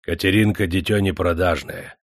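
A man's voice: low voice, fairly even intonation, moderate pace, dry recording, clean studio sound. A man doing a dignified old serf. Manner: cautious, dignified, proverb-quoting. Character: old male serf furnace worker, dignified.

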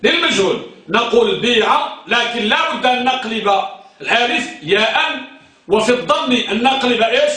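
A man's voice: extremely high pitch, lively intonation, moderate pace, pushed and bright. A male teacher giving a grammar lesson, drilling his students by repeating questions and answers. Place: classroom. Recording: echoey room, mic far off.

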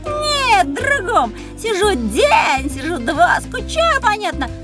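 A woman voicing an unknown small female creature who is chatty, boastful and cheeky, telling her tale with quick teasing energy in a radio play. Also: extremely high pitch, over music, heavily acted. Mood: storytelling. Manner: quick, teasing, lively storytelling.

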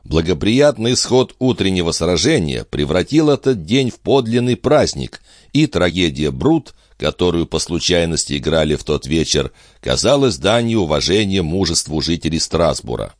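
A man narrating an audiobook in expressive storytelling manner. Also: deep voice, moderate pace, no room sound, studio quality.

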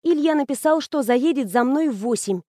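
Woman voicing a shy smitten girl student, flustered, high voice, dry close recording, audiobook. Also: normal speed, dry recording. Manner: bashful, flustered, excited.

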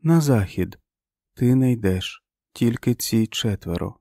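A man voicing a frail, very old prophetic woman who speaks slowly and solemnly, in an audiobook. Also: mid-range voice, lively intonation, creaky, mellow, dry recording, studio quality, voice pushed up. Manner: slow, solemn, preaching. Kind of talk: audiobook character voice.

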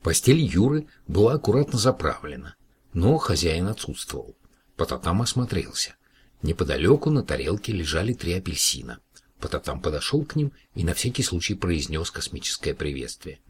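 Male reader, low husky voice, lively intonation, storybook narration. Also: normal speed, slight background noise. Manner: expressive, shifting voices for characters. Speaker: audiobook reader.

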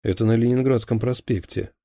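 A man's voice: medium pitch, fairly even intonation, fairly quick, gravelly, warm tone, no echo, clean studio sound. A man voicing a tense captured male security officer who gives clipped, defensive answers under interrogation. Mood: strained.

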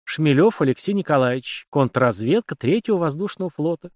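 A man's voice: fairly high pitch, lively intonation, brisk, a little mellow, no echo, clean studio sound, voice pushed up, lightly acted. A man voicing a smug, overly polite young officer in a storybook reading, flowery and ingratiating.

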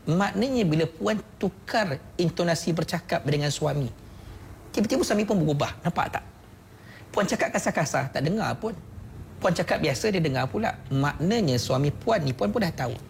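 A man's voice: on the high side, creaky, slight background noise. A man with a Malaysian Malay accent giving a persuasive motivational talk on the radio, speaking straight to the listener with repeated questions. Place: radio studio.

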